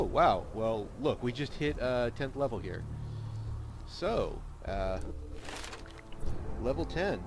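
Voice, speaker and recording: A man giving casual video game commentary, with rambling explanatory asides. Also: medium pitch. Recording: steady background noise. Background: video game ambience and noise.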